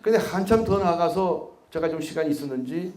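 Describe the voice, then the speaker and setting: A man speaks in a slightly high voice, lecturing to a crowd in a roomy, echoing hall. He tells stories and keeps asking the room rhetorical questions. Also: expressive, brisk, a little mellow. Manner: asks the audience rhetorical questions. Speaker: speaker at a policy lecture, former prosecutor. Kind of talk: public lecture with storytelling.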